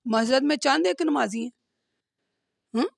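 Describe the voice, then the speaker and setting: A woman's voice: high-pitched, normal speed, vocal fry, no room sound, clean studio sound. A woman giving a religious lesson in speech, explaining verses earnestly and checking in with listeners with a questioning "hmm?". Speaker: religious teacher. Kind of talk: Quran lesson with commentary.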